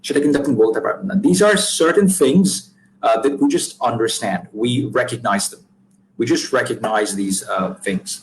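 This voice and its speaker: A man's voice: medium pitch, slow, a little hiss or hum, rough recording. A man with a Bangladeshi accent teaching an English grammar lecture, mixing Bengali and English, repeating points and checking with "right?". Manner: switches between Bengali and English mid-sentence; explanatory, repeats points and asks "right?" often. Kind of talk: recorded online grammar lecture.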